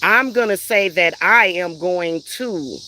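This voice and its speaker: A woman's voice: fairly low pitch, slow pace, pushed and bright, slight background noise. A woman vlogger ranting in a heated, emphatic, profane way, repeating herself for emphasis. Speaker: vlogger and spiritual reader. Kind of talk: heated personal rant.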